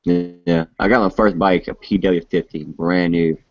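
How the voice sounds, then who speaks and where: Soft music plays behind a man in his late twenties hosting a casual motorcycle chat. His voice is deep and fairly even, a little slow, and his laid-back rambling is full of restarts; the live stream audio is muffled and lo-fi.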